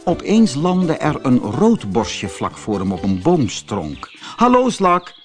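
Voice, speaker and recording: A man narrating a children's audiobook fairy tale in an expressive storytelling manner. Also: mid-range voice, takes it slowly, music in the background.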